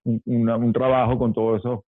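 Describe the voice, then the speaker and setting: A man's voice: medium pitch, level tone, a little fast, no room sound. A man hosting a podcast, asking hesitant, stammering questions in casual chat. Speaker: podcast host. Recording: thin phone-like sound.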